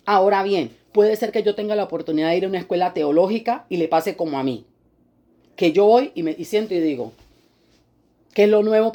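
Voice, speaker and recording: A woman preacher giving an animated sermon, acting out quoted people in high mocking voices.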